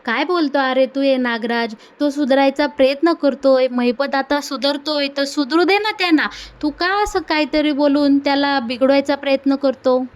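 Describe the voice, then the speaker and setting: Woman voicing an earnest male policeman; reasoning tone, high, lightly acted. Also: normal speed, hardly any pauses, lightly acted. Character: earnest male jail policeman defending a reformed prisoner.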